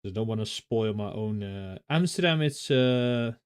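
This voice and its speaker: A man's voice: on the low side, animated, a little slow, clean tone, dry recording, studio quality. A young Dutch man with a Dutch accent, chatting casually with viewers, often laughing and restarting his sentences. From Netherlands. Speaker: streamer.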